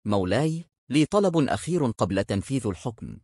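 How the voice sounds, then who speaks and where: Faithful storybook servant, humble and earnest, pleading tone, read by a male narrator; husky, dry. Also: mid-range voice, sing-song, a little fast, a little mellow, no room sound.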